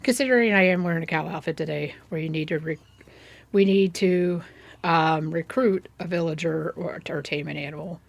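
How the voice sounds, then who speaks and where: A woman's voice: low-pitched, normal speed, creaky, no echo. A middle-aged woman casually chatting through her gameplay, rambling and sometimes coaxing in-game animals in a sweet sing-song. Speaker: gaming YouTuber.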